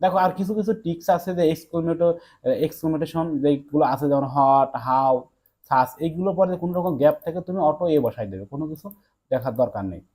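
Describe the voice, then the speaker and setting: Young guy tutor rattling through an exam lesson, quick and slightly high voice. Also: dark tone. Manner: rapid, repeats "look" to students. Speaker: English teacher.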